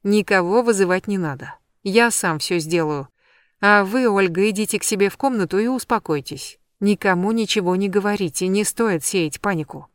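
A sleepy young hotel owner, read by a woman in an audiobook, speaking slowly and firmly as he gives orders. The voice sits in a middle register and is recorded close and dry. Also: mid-range voice, no echo, natural voice. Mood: stern. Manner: slow, firm and commanding.

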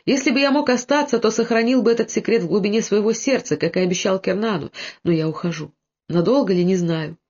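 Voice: mid-range voice, a little mellow, natural voice. A reader voicing a devoted, brave young nobleman who speaks with impassioned earnestness, on a dull lo-fi recording.

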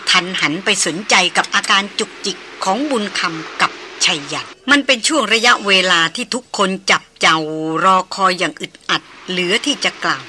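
Bright-voiced woman narrating a novel. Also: mid-range voice, a little hiss or hum. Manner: even, measured storytelling. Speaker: audiobook narrator.

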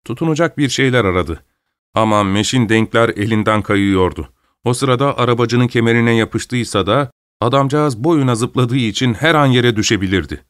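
A man reading a story aloud as narrator in a steady, measured manner. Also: mid-range voice, no room sound, clean studio sound. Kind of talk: scripted narration.

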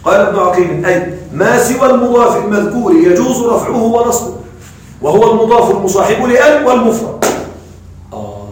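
A male grammar teacher giving a classroom lecture, quizzing his students and reciting verses slowly. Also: high voice, sing-song, a little hiss or hum. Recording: echoey room from a distance.

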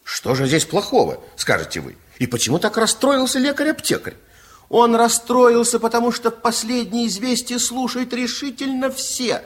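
An extremely high-pitched, exaggerated male voice at normal speed narrates a Soviet children's radio play. The storytelling is theatrical and expressive, in a playful, confiding fairy-tale narrator's style.

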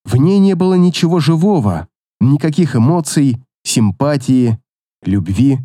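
A man narrating a fantasy audiobook in a dramatic, expressive reading. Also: medium pitch, a little slow, dry recording, clean studio sound.

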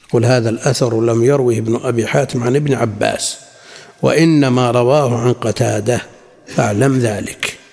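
A man teaching a religious lesson, reading quotations from classical sources and then explaining them in a measured way. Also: mid-range voice, gravelly, a little mellow, breathy edge. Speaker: Islamic scholar teaching a lesson. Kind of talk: lecture explaining a classical text. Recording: long hall reverb.

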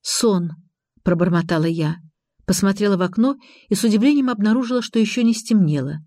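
Calm woman narrating an audiobook. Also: medium pitch, quick pace, no echo, clean studio sound. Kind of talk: scripted narration.

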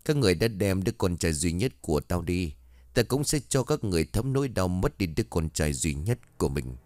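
Guy doing a bitter old witch ghost, all hate, low voice. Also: sing-song, fairly quick, darkish tone, dry recording. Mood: vengeful. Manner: bitter, full of hatred. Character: vengeful old female witch spirit, grieving and hateful.

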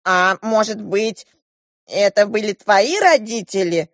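A woman voicing a nosy, cheeky male dwarf servant in an audiobook, speaking in a pert, teasing, higher voice. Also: animated, slow, dry recording, clean studio sound.

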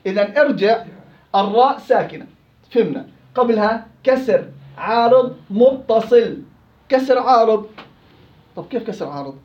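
A man's voice: high voice, animated, moderate pace, reverberant, lo-fi sound. A man with a Levantine Arabic accent teaching Quran recitation rules in an interactive class, questioning and prompting his students.

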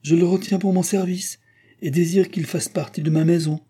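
A man voicing a genial king from a storybook reading, hearty and insistent and plainly fond of his supper. The voice sits raised above the reader's usual low pitch. It keeps a dark, husky grain. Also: steady tone, normal speed. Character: genial, well-fed old-regime king.

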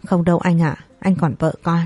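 Gentle sorry-sounding young pregnant woman in a read-aloud story, a lady reading her lines, low mellow voice. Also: steady tone, moderate pace, dry recording, faint music behind, natural voice. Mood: apologetic.

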